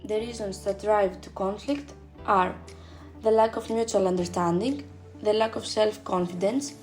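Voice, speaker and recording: A woman narrating a seminar presentation, reading lists of points in a measured way. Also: medium pitch, a little mellow. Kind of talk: read slide narration. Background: faint background music.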